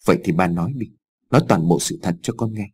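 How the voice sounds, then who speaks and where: Male narrator as a weary grown son; quiet, firm, mellow and husky. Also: fairly low pitch, sing-song, a little fast, exaggerated voice. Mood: weary firmness.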